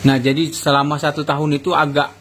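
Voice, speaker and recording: A man's voice: on the high side, little pitch movement, fast talker, noisy background. A man with an Indonesian accent, a chatty interviewer who echoes and confirms answers in a casual talk. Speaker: interviewer, YouTuber.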